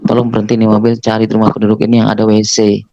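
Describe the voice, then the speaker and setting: A man's voice: on the low side, monotone, rapid-fire, warm tone, dry recording, lo-fi sound. A man giving an earnest spoken testimony, telling his story and acting out the dialogue himself. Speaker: former preacher giving testimony.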